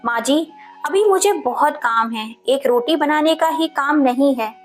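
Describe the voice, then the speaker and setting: A woman voicing a harsh young daughter-in-law who talks in a sharp, scolding way. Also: high-pitched, unhurried, faint music behind.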